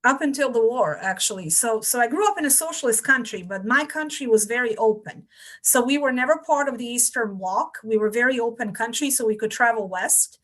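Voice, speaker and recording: A woman in her forties with a Bosnian accent, a podcast guest telling her life story in a reflective, measured way. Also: fairly high pitch, a bit bright. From Bosnia and Herzegovina. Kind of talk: interview storytelling.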